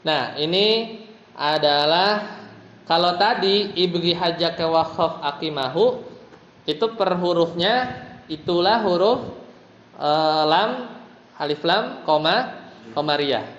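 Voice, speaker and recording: Slow Indonesian male tajwid teacher. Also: on the high side, fairly bright tone. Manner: patient, explains each letter and rule step by step, sings verses for the class to repeat. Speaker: Quran recitation teacher. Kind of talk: tajwid lesson with call-and-response chanting. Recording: dull, roomy hall recording.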